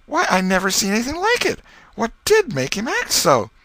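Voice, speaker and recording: A man voicing a scolding but soft-hearted old aunt in a storybook, folksy and exasperated, with a rustic American accent. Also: high-pitched, huge pitch swings, normal speed, no room sound, voice pushed up, exaggerated voice. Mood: suspicious.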